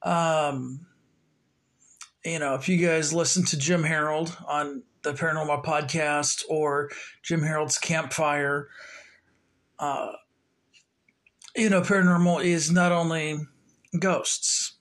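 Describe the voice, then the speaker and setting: A man's voice: on the high side, fairly even intonation, slow, pauses often, a bit bright. A man hosting his own podcast, chatting in a loose, rambling way with plenty of fillers. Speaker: podcast host. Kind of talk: casual solo podcast talk.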